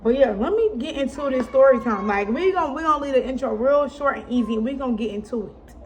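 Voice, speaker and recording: A woman's voice: high-pitched, animated, quick pace, a little hiss or hum. A young woman, telling a storytime vlog in a chatty, blunt way. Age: young adult. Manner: chatty, blunt, frequent "like" and "y'all". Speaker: vlogger. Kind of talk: casual storytime chat. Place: home, with a baby nearby.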